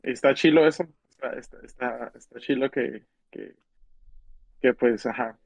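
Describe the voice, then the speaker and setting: A man's voice: medium pitch, moderate pace, vocal fry, dry recording, low-quality recording. A man with a northern Mexican accent chatting casually in slang as a podcast co-host, rambling and repeating his phrases. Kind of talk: casual slangy chat about films and music.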